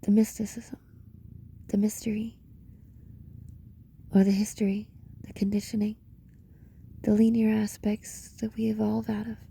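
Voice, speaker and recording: This guided meditation comes from a woman at medium pitch, with a dark tone and a completely flat delivery. Her voice is breathy and often fades to a whisper as she speaks slowly in brief, paused phrases of reflective monologue.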